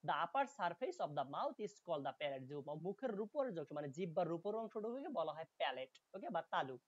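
A man teaching linguistics in an online class. He explains patiently, reads English textbook lines slowly and checks often that students follow. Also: high voice, a little mellow, no echo, dull audio. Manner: explains patiently, checks understanding with frequent "okay?".

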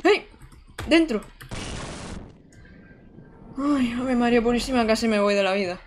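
Young female streamer, casual and chatty, voice on the higher side, light room noise. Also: normal speed, a little mellow. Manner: chatty, talks to chat while playing. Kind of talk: live gameplay commentary.

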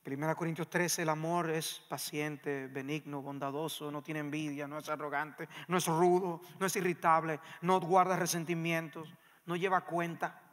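A male pastor preaching a sermon in a church, emphatic and swinging between loud passages and hushed ones. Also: a little high, fairly even intonation, moderate pace. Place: church sanctuary. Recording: long reverb of a church hall.

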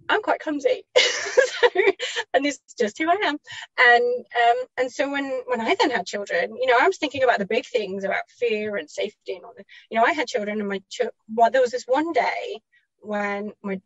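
A woman with a fairly high voice tells parenting stories in a chatty, reflective way, laughing often and correcting herself mid-sentence. The recording is dull and lo-fi, with a dry, close sound. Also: expressive, normal speed, dry recording. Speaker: parenting mentor guest. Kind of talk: reflective personal storytelling.

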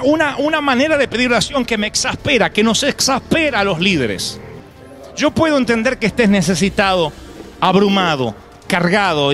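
A man's voice: high voice, a bit bright. A man pastor preaching a live sermon to a congregation, emphatic and punctuated with humorous asides and acted quotes. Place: church before a congregation.

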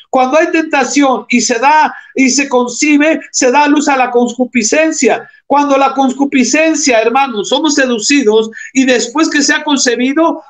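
A man's voice: extremely high pitch, fairly bright tone. A man preaching a sermon, reading scripture aloud and explaining it, calling the congregation brothers and asking them rhetorical questions.

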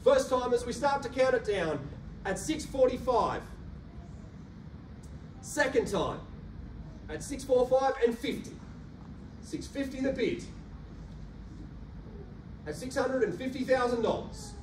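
An Australian auctioneer calls bids in a rhythmic, rapid-fire patter, cajoling buyers with a very high-pitched, expressive voice. He uses a handheld mic in a carpeted indoor function room, captured by a distant camera that adds roomy echo and a faint hum.

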